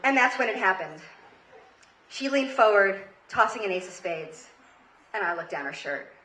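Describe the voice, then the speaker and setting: An American comedy storyteller and show host from Queens, in her thirties, tells a story live with dramatic, emphatic flair. She has a medium-pitched, sharp-toned voice with lively intonation and a moderate pace. The stage recording is roomy, carrying a trace of noise.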